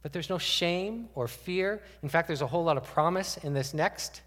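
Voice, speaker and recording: Pastor preaching in an echoing church. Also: male voice, on the high side, normal speed, fairly bright tone. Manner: conversational preaching with many rhetorical questions. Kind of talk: sermon. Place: church sanctuary.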